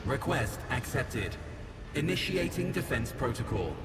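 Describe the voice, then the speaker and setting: A booming metallic machine guardian, recites flat, clipped protocol reports in a cold, formal tone. Its gravelly voice rings from far off through a roomy, echoing hall in a video game. Loud music plays underneath. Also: male voice, measured pace. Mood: clinical. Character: cold formal machine guardian, male, ancient skull drone.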